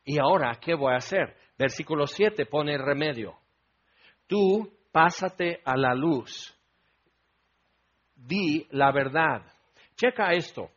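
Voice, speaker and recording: A man's voice: high-pitched, fairly bright tone. A man preaching a conversational sermon, asking the congregation rhetorical questions and acting out the voices he quotes. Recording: dull lo-fi sound.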